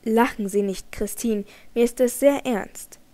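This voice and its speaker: In an audiobook, a woman reads a jealous young nobleman, heated and pleading. He pushes his words out loud and insistent, in a voice pitched fairly high. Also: a little slow, close to an everyday voice. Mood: earnest pleading. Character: young male nobleman, jealous lover, agitated. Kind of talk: audiobook character reading.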